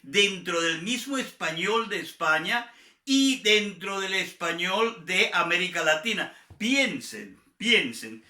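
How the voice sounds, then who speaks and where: Slow Venezuelan man teaching Spanish. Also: high-pitched, sharp tone, reverberant. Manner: slow, deliberate, repeats and spells out words. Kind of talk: grammar review lesson.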